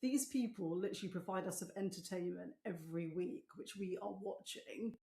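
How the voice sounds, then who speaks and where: A woman co-hosting a casual chat, frank and animated. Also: mid-range voice, moderate pace, gravelly. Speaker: podcast co-host.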